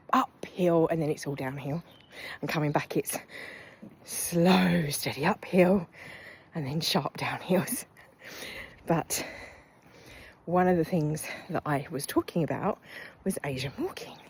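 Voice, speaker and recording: Husky-voiced uk woman, middle-aged, chatting into her phone while walking outside, a bit puffed. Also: deep voice, a little slow. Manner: chatty, thinking aloud, drifting into soft half-whispers. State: slightly out of breath. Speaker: vlogger. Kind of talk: walking vlog chat. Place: outdoors, walking through town.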